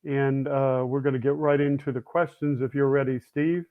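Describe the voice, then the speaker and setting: A man's voice: mid-range voice, little pitch movement, moderate pace. A man hosting a podcast interview, reading his questions plainly from a script. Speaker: podcast host. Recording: tinny phone-like line.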